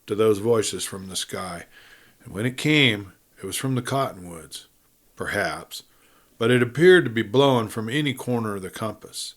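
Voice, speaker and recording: A man narrates a western novel for an audiobook, telling the story in a measured, deliberate way with dramatic pauses. His voice is medium-pitched and a bit bright.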